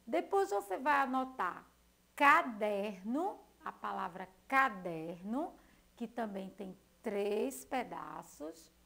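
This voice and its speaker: Slow sing-song woman teacher, lively pitch. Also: gravelly. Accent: Brazilian Portuguese. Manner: slow, sing-song, spells out letters one by one. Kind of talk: recorded classroom lesson for children.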